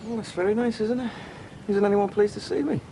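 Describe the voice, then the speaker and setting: A man's voice: high voice, steady tone, brisk, lightly acted. An actor playing a testy, evasive young man back from the army in a TV soap, slightly off-mic with faint noise. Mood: evasive, wry. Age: young adult. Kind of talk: TV soap drama acting.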